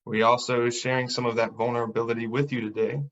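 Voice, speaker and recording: A man giving earnest, measured prepared remarks in an online presentation. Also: medium pitch, level tone, fairly bright tone, dull audio.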